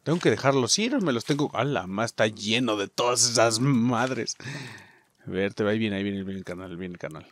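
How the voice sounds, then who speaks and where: A gaming YouTuber with a Mexican accent does casual let's play commentary, joking, swearing and addressing his viewers as "muchachos". His voice is fairly low, with lively intonation and a brisk pace.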